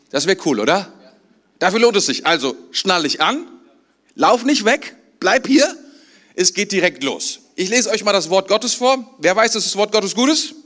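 A man with a high voice preaches a sermon to his congregation. He keeps it conversational and often checks in with his listeners. He speaks as their pastor, standing in church. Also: a bit bright. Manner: conversational, asks the congregation questions.

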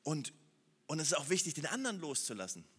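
A man preaching a sermon, moving between loud, urgent appeals and soft, hushed prayer. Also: a little high, very animated, quick pace, breathy edge. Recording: long hall reverb.

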